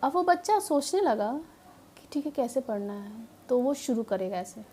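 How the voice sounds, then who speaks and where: A woman with a bright, high voice explains reading to parents and teachers in an earnest, patient way. She pauses on fillers and drops English words into her sentences. A faint hum of background noise sits under the voice. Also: lively intonation. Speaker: educator.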